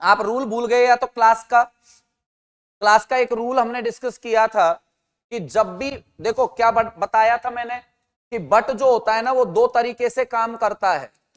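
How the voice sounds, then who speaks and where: His voice very high and clean, a man leads an online grammar lesson in English from what sounds like a large hall. He quizzes his students, supplies the answers himself, and calls out their names and replies.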